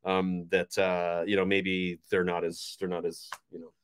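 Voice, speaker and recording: A fan channel host in his forties, sitting low and monotone at a measured pace, chats enthusiastically and casually about a match from a bright bedroom, with slight background noise. He rambles, restarting often.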